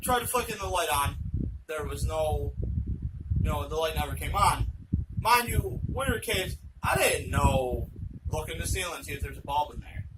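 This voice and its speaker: A young man, the channel host, telling a true story at home in a rambling, excitable, profane way. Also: fairly high pitch, normal speed. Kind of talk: casual spoken storytelling. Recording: loud background noise with clicks.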